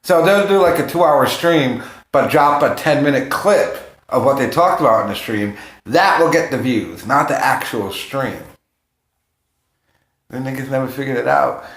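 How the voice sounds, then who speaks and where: A man's voice: mid-range voice, animated, normal speed, fairly bright tone. Rambling man streaming in an echoey room. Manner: rambling, jumps between topics. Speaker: livestream host. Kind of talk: casual, profane livestream chat. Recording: roomy, echoing room sound.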